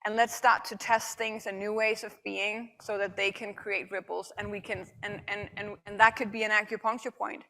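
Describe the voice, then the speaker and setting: Woman keynote speaker fielding questions in a hall, bright and forceful, energetic, stumbles and repeats as she thinks. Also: medium pitch, normal speed, hardly any pauses. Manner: animated, repeats words when restarting. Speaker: conference speaker. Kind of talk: Q&A after a talk. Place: conference hall.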